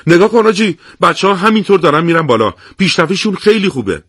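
Man voicing an excited male officer, higher voice, cheerful, loud. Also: dry recording, studio quality, exaggerated voice. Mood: joyful. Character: joyful male comrade officer.

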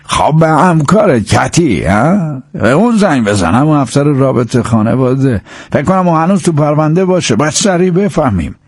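A man's voice: on the high side, lively intonation, darkish tone, slightly rough, no room sound. A man voicing a male detective who speaks with urgent insistence in an audiobook. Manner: pleading, insistent. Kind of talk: audiobook character voice.

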